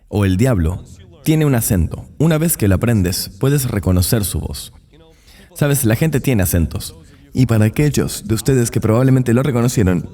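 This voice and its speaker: A man's voice: mid-range voice, dark tone, in a large hall. A man preaching a sermon in an earnest, emphatic way, with the odd dry aside.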